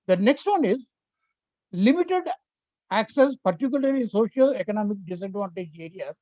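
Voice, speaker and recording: An older invited speaker on education policy, with an Indian accent and Tamil as mother tongue, delivers an earnest webinar lecture that explains points one at a time. The voice is medium-pitched and mellow, with no room sound. The video-call audio is dry and slightly muffled.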